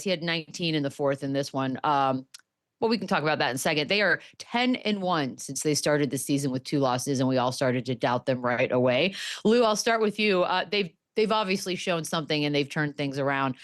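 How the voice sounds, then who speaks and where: Woman, sports talk host, slightly stuffy nose, upbeat and joking, lowish voice, dry close sound. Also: fairly quick, dry recording. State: stuffy from allergies. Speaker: show host. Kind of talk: casual sports talk chat.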